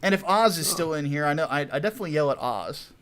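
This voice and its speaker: Excitable man hosting a comics launch stream. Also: on the high side, quick pace, crowd noise. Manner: excitable, swears freely, laughs often. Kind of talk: casual livestream chat.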